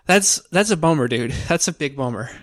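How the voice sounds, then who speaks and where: A man with a slightly high voice chats loosely on a podcast, swearing freely and cracking jokes. His voice is dry and close. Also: lively intonation, brisk, a bit bright, dry recording. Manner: profane, jokey, laid-back. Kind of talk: casual chat.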